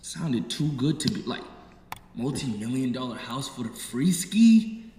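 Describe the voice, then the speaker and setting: A man's voice: mid-range voice, sing-song, a little slow, mellow, slight background noise. A young man in casual livestream chat, emphatic and profane, with heavy slang. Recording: very echoey, reverberant room.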